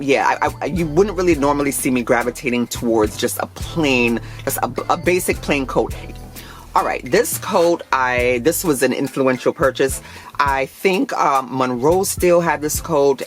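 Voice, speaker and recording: A woman's voice: extremely low pitch, expressive, normal speed, soft background music. A woman in her thirties, a fashion vlogger chatting casually and gushing as she talks. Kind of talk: casual chat.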